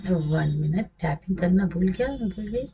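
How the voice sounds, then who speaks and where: A woman's voice: fairly low pitch, lively intonation, measured pace, dark tone, dull audio. A woman English teacher giving a slide lesson, patiently repeating and stretching example words. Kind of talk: classroom lesson over slides.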